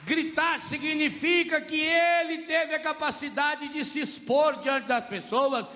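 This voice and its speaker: Brazilian priest giving a sermon, high sharp voice, acts stuff out loud, echoey hall. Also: male voice, takes it slowly, slight background noise. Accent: Brazilian Portuguese. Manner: animated, acts out scenes with shouts.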